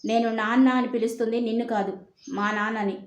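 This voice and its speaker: A woman's voice: on the high side, fairly even intonation, a little fast, roomy sound, lightly acted. A woman voicing a hurt, proud young man who speaks firmly and coldly to his family. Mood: defiant. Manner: firm, cold, then tearful.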